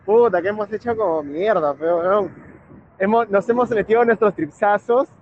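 High-voiced Peruvian man, laid-back. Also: normal speed. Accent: Peruvian Spanish. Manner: relaxed, slangy, laughs at his own stories. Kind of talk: casual chat. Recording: muffled lo-fi with faint background hiss.

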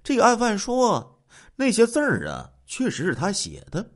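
Animated male true-crime storyteller. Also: a little high. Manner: dramatic, exclamatory, colloquial asides. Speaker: narrator.

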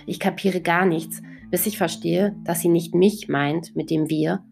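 A woman with a lower voice reads a first-person novel aloud. Her delivery is calm and measured, and faint guitar music plays behind her. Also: gravelly. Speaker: audiobook narrator.

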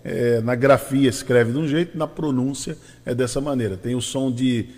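A man's voice: mid-range voice, moderate pace, darkish tone, in a large hall. A man hosting a morning radio show from São Paulo, chatting casually and laughing often, with a Brazilian Portuguese accent. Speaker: radio host.

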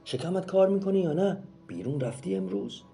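A man voicing an old uncle who is quick-tempered and loud, shouting curses. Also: sits high, very animated, soft background music, voice pushed up. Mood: prying. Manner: shouting and cursing.

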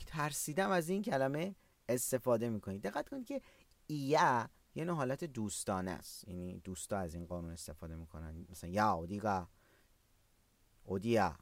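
A language teacher giving an online lesson who speaks warmly and fondly to the students and acts out the example phrases. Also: mid-range voice, dry recording. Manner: affectionate toward students.

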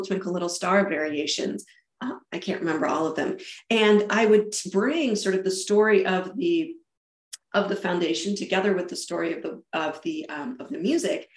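A woman from Germany, founder of an event business, gives conversational interview answers in a mid-range, darkish voice. She explains with enthusiasm, restarting often, and the recording is reverberant.

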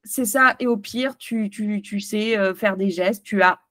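A woman's voice: mid-range voice, a little slow, a bit bright, no echo. A woman from France, a podcast guest, giving travel advice in a chatty way, full of hesitations and restarts. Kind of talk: casual interview chat.

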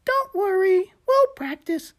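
A woman's voice: very high-pitched, very animated, slow pace, pitched above the performer's own voice, exaggerated voice. A woman voicing an eager, cheerful little male gecko who coaches his friend in a storybook reading, chirpy and encouraging.

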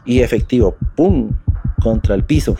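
A man's voice: medium pitch, expressive, moderate pace, over music. A Colombian man recounting a personal ordeal for a documentary podcast, vivid and profane, acting out his own quotes. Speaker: interviewee, skydiver.

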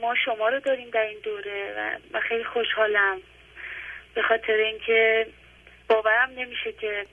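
A woman's voice: on the high side, fairly even intonation. A woman calling in to a radio program from her home, speaking earnestly and gratefully with hesitant fillers over a phone line. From Iran. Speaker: caller. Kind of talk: phone-in call.

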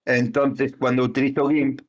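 A man chats casually as a podcast co-host, his mid-pitched voice wandering through fillers and restarts. The recording is a little dull and lo-fi. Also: flat delivery, moderate pace. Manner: rambling, many fillers and restarts. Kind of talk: casual chat.

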